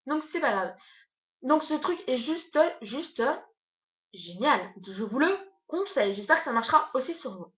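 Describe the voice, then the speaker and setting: A young woman, a beauty vlogger, rushing through a casual makeup haul on her bed at home, chatting with lots of fillers. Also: high voice, very animated, dull audio. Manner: hurried, chatty, many fillers. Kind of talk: casual product review.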